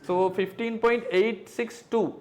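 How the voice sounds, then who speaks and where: A man's voice: sits high, steady tone, takes it slowly, a little mellow. A male physics tutor reviewing exam questions, working through figures step by step and checking understanding with tag questions.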